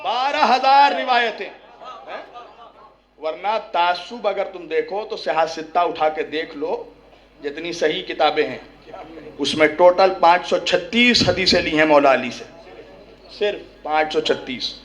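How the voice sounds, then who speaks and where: A man with a high-pitched voice delivers an impassioned religious oration. He talks straight to the people in front of him, peppering his points with rhetorical questions and a questioning "hain?", and now and then climbs to a shout. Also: normal speed. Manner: rises to shouting at climaxes; speaks directly to the audience. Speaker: religious orator at a mourning gathering.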